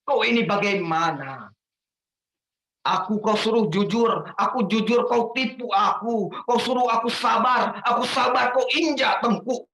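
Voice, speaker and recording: A man reciting a protest poem dramatically, rising to shouts on the refrains. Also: sits high, a little slow. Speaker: guest poetry reader. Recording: echoey room with faint noise.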